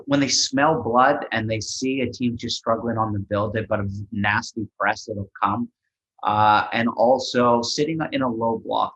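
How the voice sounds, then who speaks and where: A man co-hosting a soccer podcast, breaking down tactics in quick animated bursts. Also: fairly low pitch, highs cut off. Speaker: podcast co-host and soccer analyst. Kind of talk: casual sports podcast chat.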